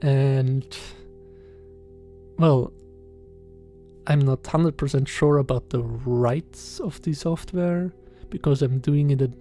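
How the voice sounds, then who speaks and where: A young man in his twenties with a German accent, talking casually in a podcast-style voiceover, hesitant and halting with many fillers and soft chuckles. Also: mid-range voice, soft background music. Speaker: channel host. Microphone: voiceover recorded separately.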